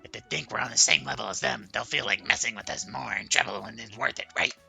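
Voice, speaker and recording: An actress voicing a teasing, blunt adult woman writer in a video game, with a sly, deadpan, sing-song manner. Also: extremely low pitch, fast, gravelly, soft background music, full character voice.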